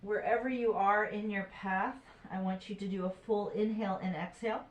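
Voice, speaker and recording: Calm woman guiding yoga, echoey room. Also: medium pitch, normal speed. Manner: calm, steady cueing of breath and poses. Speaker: yoga instructor. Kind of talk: guided yoga instruction.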